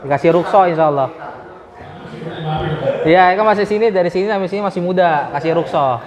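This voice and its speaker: A man's voice: sits high, fairly quick. A man teaching Quran recitation to a class in a prayer room, patiently drilling letter sounds one by one. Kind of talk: tajwid class, coaching students. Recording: roomy hall, dull lo-fi sound, crowd around.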